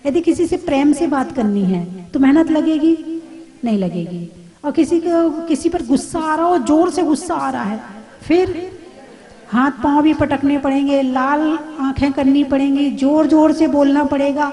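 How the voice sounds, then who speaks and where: A woman delivers a spiritual discourse in a high, mellow voice. She talks to her listeners conversationally, asking rhetorical questions and adding light humor. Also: normal speed. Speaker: Jain nun giving a discourse. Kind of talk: sermon.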